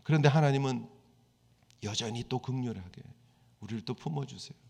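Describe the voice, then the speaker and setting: A man's voice: mid-range voice, fairly quick, gravelly, a little mellow. A male pastor preaching a sermon in a conversational style. He acts out the quoted prayers and complaints of the people he describes. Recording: church hall reverb.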